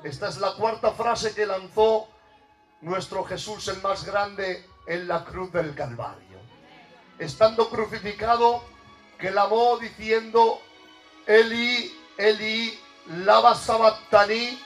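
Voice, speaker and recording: Fervent male preacher, very high voice, impassioned shouting, distant church recording. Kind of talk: fervent evangelical sermon. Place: church service. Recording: distant mic with music behind.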